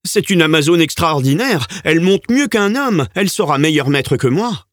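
A man's voice: on the high side, expressive, moderate pace, no echo, voice pushed up, close to an everyday voice. A man voicing a cheerful coachman who jokes and teases as he talks. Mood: jovial. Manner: jovial and teasing. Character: cheerful, joking adult male coachman.

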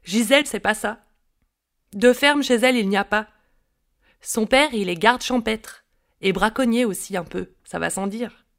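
A woman tells a tale aloud with a rhythmic, playful delivery and shifting tempo. Her voice sits fairly high. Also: unhurried, long pauses, a bit bright. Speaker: storyteller. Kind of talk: spoken storytelling.

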